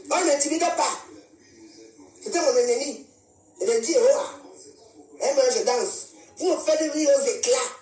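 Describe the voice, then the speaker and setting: A woman's voice: high voice, dark tone, far from the mic. A woman from Cameroon, ranting defiantly on a live stream and repeating her points. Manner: defiant, confrontational, repeats herself. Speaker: social media live streamer. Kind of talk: angry live-stream rant. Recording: echoey room, voice from off the mic, faint music.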